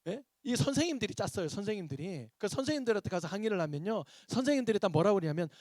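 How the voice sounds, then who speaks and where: A pastor gives a seminar lecture to teachers, animatedly telling anecdotes and acting out the dialogue in them. His high-pitched voice races along very fast. The studio sound is clean with no echo.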